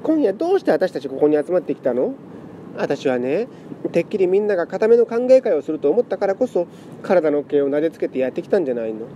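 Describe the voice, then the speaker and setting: A man voicing a sentimental female cat who pleads and scolds in soft, feminine speech. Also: a little high, big pitch swings, quick pace, highs cut off, a little hiss or hum, voice pushed up. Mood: pleading.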